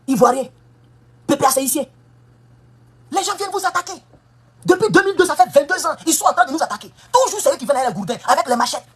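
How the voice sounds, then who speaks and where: A woman giving an impassioned political monologue, emphatic and scolding, firing off rhetorical questions. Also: sits high. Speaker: political commentator. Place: United States.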